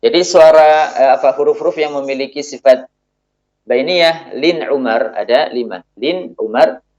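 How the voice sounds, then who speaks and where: A man teaches a tajwid lesson on the rules of Quran recitation, patiently explaining and drawing out example words to demonstrate. He often drops in a short affirming "ya" between points, with a fairly high, darkish voice at normal speed on lo-fi audio.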